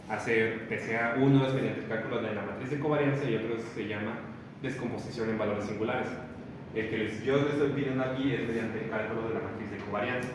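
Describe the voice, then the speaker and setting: A man's voice: mid-range voice, distant mic. A man teaching a class, explaining an assignment step by step and working through examples. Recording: echoey room, voice from afar, background noise.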